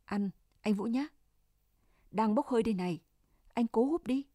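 Calm young soldier who looks after his sick comrade, plain and reassuring in a mellow, dry voice, read by a woman narrator. The storybook telling stays gentle and even throughout. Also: a little high, moderate pace, no echo, natural voice. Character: young male soldier, caring and practical.

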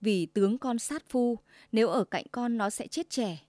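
Shrill domineering old mother-in-law, as a woman narrator puts her on. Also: moderate pace, warm tone, dry recording, studio quality, natural voice. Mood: wheedling. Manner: shrill, commanding, sugary then scolding.

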